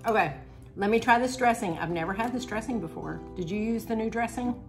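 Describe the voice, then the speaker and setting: A woman's voice: fairly high pitch, fairly quick, creaky, faint music behind. A middle-aged woman, chatting casually as a cooking vlog host, laughing and searching for words. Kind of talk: casual chat.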